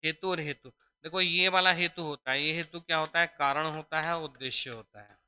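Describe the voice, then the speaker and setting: A man's voice: on the high side, moderate pace, bright, forceful tone, smooth. A man teaching a spelling lesson for exam preparation. He explains step by step, repeats each word, and keeps checking in with his students. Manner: addresses students fondly as children.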